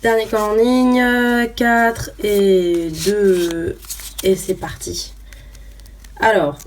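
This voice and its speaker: A woman's voice: medium pitch, flat delivery, very slow. A young woman chatting casually as she opens trading cards, hesitant with lots of fillers, reading each card name aloud. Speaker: YouTuber opening trading cards. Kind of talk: casual unboxing chat. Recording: voice a bit far from the mic, faint noise.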